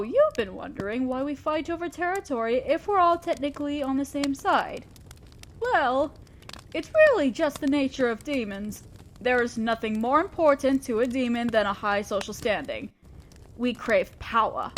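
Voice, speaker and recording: In a scripted audio drama, a woman with a high-pitched voice plays a fair-minded yet ambitious demon lord boss, addressing an underling formally and directly with a sly, teasing streak. A little hiss or hum is present in the recording.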